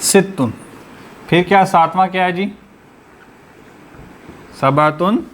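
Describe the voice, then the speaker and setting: A man's voice: high voice, takes it slowly, fairly bright tone, a little hiss or hum. A man teaching an online class, explaining step by step and quizzing his students with repeated questions. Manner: patient, methodical explaining.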